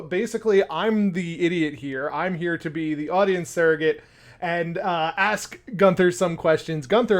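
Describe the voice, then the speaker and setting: High-voiced laughing podcast host man. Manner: laughs often, stammers restarts. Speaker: podcast host and community ambassador. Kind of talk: casual live-stream podcast chat.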